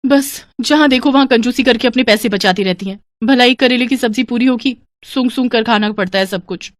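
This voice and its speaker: A woman voicing a put-upon young daughter-in-law in an animated story, who grumbles about her thrifty mother-in-law. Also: a little high, brisk, no echo, pitched above the performer's own voice, lightly acted. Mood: grumbling. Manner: grumbling, complaining under her breath.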